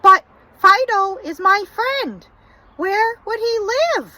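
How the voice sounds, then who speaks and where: An earnest little storybook girl, acted by a woman, with a very high, lively voice. She sounds childlike and devoted, and takes her time with each line. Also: takes it slowly, full character voice, poor audio. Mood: upset. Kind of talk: storybook character reading.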